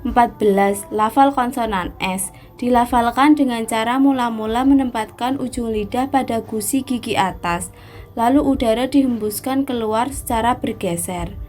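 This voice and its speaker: A woman's voice: fairly high pitch, normal speed, a little mellow, soft background music. A woman reading a phonetics lesson aloud as a numbered, step-by-step recitation. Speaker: student presenter.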